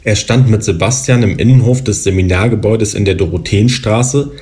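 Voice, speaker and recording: A man in his thirties reads his own novel aloud in a calm, even way. His voice sits somewhat low, and the pace is steady and unhurried. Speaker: author reading his novel. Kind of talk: literary reading.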